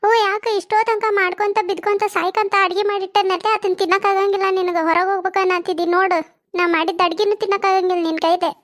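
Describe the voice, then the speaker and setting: A woman's voice: extremely high pitch, flat delivery. A woman with a North Karnataka accent voicing a grumbling, overworked young village wife in a comedy cartoon. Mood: sulky. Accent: North Karnataka Kannada. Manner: nagging, complaining, fast-talking.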